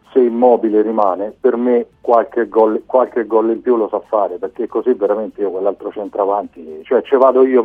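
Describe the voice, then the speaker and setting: Man on a tinny phone line, husky voice, low pitch, blunt football fan, faint music behind. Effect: over the phone. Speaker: caller. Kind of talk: sports call-in rant.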